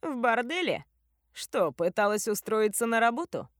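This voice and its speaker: A woman's voice: on the high side, sing-song, no echo, studio quality. Woman as a sneering young thief. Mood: mocking. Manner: mocking, slow and deliberate when threatening. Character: sneering young female thief, cool and mocking. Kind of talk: audiobook character voice.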